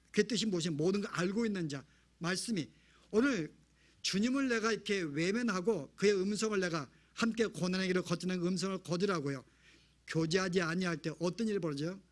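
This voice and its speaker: A man's voice: sits high, fairly bright tone. A man pastor preaching a sermon in a church, asking the congregation rhetorical questions. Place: church sanctuary.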